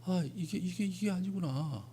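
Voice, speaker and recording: A middle-aged male pastor giving a sermon, telling stories and acting out prayers, swinging between hushed and loud. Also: sits high, moderate pace, breathy edge.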